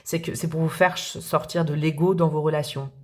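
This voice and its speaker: A woman's voice: sits low, flat delivery, a little fast. A woman giving a casual tarot reading, talking straight to her viewers and thinking aloud as she goes. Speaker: tarot reader.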